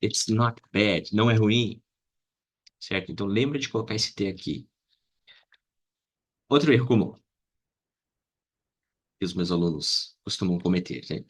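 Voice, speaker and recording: A man teaching English with a Brazilian Portuguese accent, explaining slowly and repeating example phrases to his students. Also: lowish voice. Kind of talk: casual lesson to camera.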